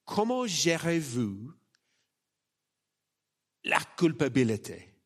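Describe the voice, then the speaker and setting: A man preaches in a fairly high male voice with an Australian accent from his native English. He takes his time, pausing and repeating words. His sermon style is conversational, informal and gently self-deprecating. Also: sing-song. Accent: Australian accent in French.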